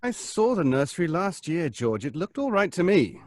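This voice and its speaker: An actor playing a psychologist who speaks in a measured, advising way in a live audio drama. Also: male voice, a little high, very animated, a little mellow, no room sound, clean studio sound. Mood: grave. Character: calm, grave male psychologist. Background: faint live music.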